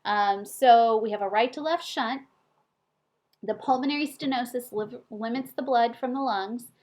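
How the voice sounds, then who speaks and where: A woman's voice: on the high side, normal speed. Chatty woman giving a nursing lecture. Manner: animated, chatty teaching with rhetorical questions. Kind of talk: recorded classroom lecture.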